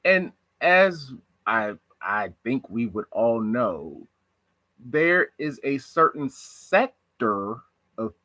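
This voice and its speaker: A male commentator from the United States gives a reflective monologue on social issues, posing rhetorical questions. His voice is mid-range and recorded without echo.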